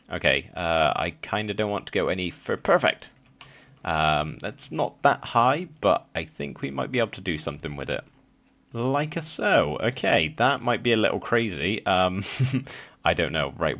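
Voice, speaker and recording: A man's voice: on the low side, creaky, fairly bright tone. A young man with a slight lisp chatting casually as he plays a building game, thinking aloud with frequent ums and little laughs. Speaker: gaming channel host. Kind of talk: casual let's play commentary.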